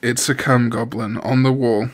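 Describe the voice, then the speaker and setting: A young Welsh man with a Welsh accent chats casually, laughing often and swearing freely. His voice sits at an ordinary middle pitch, and he quizzes his friend in an easy, unhurried way. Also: flat delivery. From Wales. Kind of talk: casual chat.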